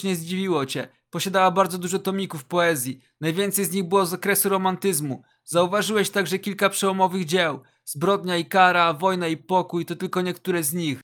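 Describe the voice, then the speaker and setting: A man with a high, bright voice tells a casual second-person story. His delivery is slangy and joking, tossing internet asides into the narration. The tone is light and crisp, pitched well above most men. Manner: slangy, jokey, reads internet asides aloud.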